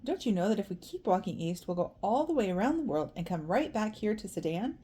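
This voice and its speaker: A woman reading a storybook, voicing a cheerful, confident young boy in a higher voice than her narration. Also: big pitch swings, a little fast, warm tone, breathy edge. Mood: confident, friendly. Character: earnest young boy, cheerful and sure of himself.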